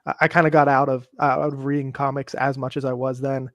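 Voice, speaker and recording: A young man talks easily as a guest on a live chat, thinking aloud with plenty of fillers. His pitch is middling for a man. The sound is dry and close, with no room around it. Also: flat delivery, quick pace, dry recording. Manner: easygoing, reflective, many fillers.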